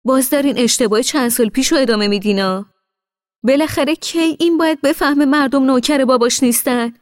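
A woman's voice: fairly high pitch, expressive, dry recording, studio quality, pitched above the performer's own voice, close to an everyday voice. A woman voicing an exasperated scolding brother. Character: irritated adult brother, bitter and sharp-tongued.

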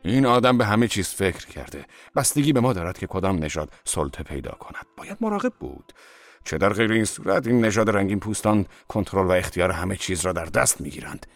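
A man reading an audiobook, voicing a brash, bigoted wealthy man who speaks forcefully and insistently. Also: deep voice, big pitch swings, no room sound.

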